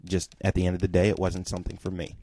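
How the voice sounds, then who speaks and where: A man's voice: low voice, monotone, quick pace, dark tone, no room sound. A man co-hosting a casual podcast, reading a listener's email aloud with dry asides. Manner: reads with dry asides and laughs. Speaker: podcast co-host.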